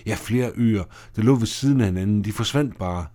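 A man's voice: fairly low pitch, dark tone, close to an everyday voice. A man voicing an argumentative, skeptical woman in an audio drama. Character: argumentative woman who turns fearful.

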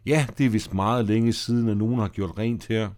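A man's voice: fairly low pitch, steady tone, a little mellow, close to an everyday voice. A man reading aloud as a sarcastic, grumbling girl. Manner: sarcastic and dismissive.

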